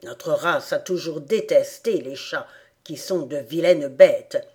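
A woman reading an audiobook, voicing a frightened, indignant male rat in a low voice. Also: slow, a little mellow.

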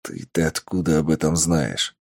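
A man voicing a gruff, impatient armed male mercenary who speaks curtly and often hisses his words, lower and quieter than his own voice. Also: normal speed, no echo, clean studio sound, full character voice. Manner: gruff, hissing, curt.

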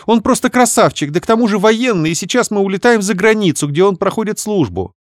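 A man voicing a bubbly, scheming young woman who chatters quickly and wheedles. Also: high-pitched, big pitch swings, dry recording, studio quality, voice pushed up. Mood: excited gushing.

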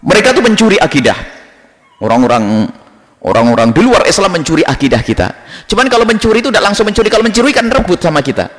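Male preacher, high lively voice, sermon with acted anecdotes, echoey hall. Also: quick pace. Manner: animated storytelling, mimics characters in raised voice.

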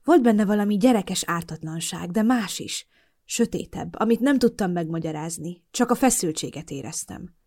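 A woman narrating a first-person audiobook with an expressive storytelling delivery. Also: lowish voice.

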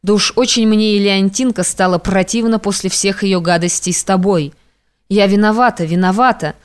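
A woman's voice: mid-range voice, steady tone, normal speed, clear, resonant tone, lightly acted. A woman reading an audiobook, voicing a frightened young woman who pleads timidly through tears.

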